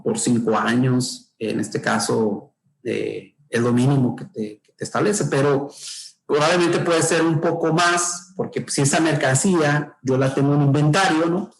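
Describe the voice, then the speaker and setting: Guy consultant, gravelly voice, lots of ehs and ¿no?s, echoey room. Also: mid-range voice. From Mexico. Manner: thinking aloud, many filler sounds and tag questions. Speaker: trade consultant. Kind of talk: explanatory podcast talk.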